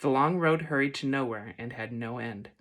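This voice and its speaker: A man gently reading a fantasy story aloud in a soft ASMR style. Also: mid-range voice. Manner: gentle, unhurried. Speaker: reader.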